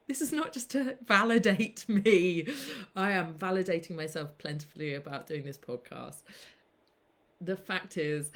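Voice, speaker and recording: A woman podcast host in casual live-stream chat, chatty and playful, swearing casually as she talks to her viewers. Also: mid-range voice.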